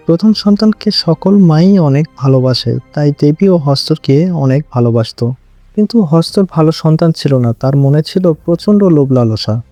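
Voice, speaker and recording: A man narrating and explaining a horror movie plot in steady, dramatic, scripted storytelling. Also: fairly high pitch, no room sound.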